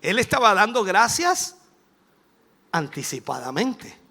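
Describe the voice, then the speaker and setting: A Chilean bishop delivers a sermon, his high voice leaping all over its range. He preaches dramatically, going quiet and then bursting into shouts. A gravelly rasp runs through his speech. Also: takes it slowly. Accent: Chilean Spanish. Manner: animated, dramatic, swings from hushed to shouting. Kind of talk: televised sermon.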